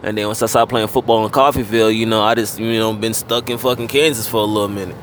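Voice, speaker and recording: A man in his thirties talks with an easygoing, unhurried drawl, sprinkling in fillers and casual curses. His voice sits low. Car traffic hums loudly behind him on a noisy recording. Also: steady tone. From Fort Lauderdale, Florida. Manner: laid-back, heavy on fillers and casual swearing. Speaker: guest rapper. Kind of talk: casual interview chat.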